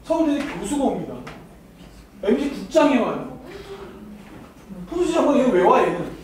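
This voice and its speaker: A very high-pitched man runs a university admissions seminar, teasing the students and laughing often as he talks to them directly. He sounds distant from the microphone in a strongly echoing hall with a faint hiss underneath. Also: sing-song, moderate pace, a little mellow. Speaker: academy admissions lecturer. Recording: very echoey hall, mic far off, faint noise.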